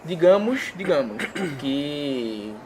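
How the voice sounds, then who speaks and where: A man, explaining his views as an interview guest in animated casual talk and acting out examples in quoted voices. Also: a little high, very slow, background noise.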